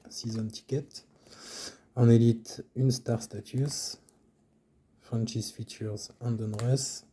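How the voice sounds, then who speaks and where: A man calmly showing his card collection in casual commentary, low-key and trailing off at phrase ends. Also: breathy edge.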